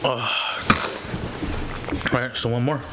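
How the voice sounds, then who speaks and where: A man's voice: mid-range voice, little pitch movement, slow pace, heavy background noise. A man chatting casually to viewers as a mukbang vlogger, talking in an informal, slangy way and often checking in with the listener. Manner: informal slangy talk, repeated "you know what I mean". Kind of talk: casual chat to viewers while eating.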